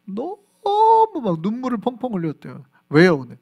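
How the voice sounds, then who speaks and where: A man from South Korea, a pastor preaching an animated sermon at a Friday prayer service in church. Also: high voice, normal speed, creaky, breathy edge, soft background music. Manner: animated preaching, acts out voices and reactions. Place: church sanctuary.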